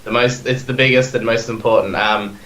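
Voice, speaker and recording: Appearing as a podcast guest, a young Australian man in his twenties chats eagerly, rambling, restarting sentences and relying on fillers. At a middling, steady pitch he speaks fairly quickly with a fairly bright tone, though the audio is dull and echoey, as if captured in a bare room.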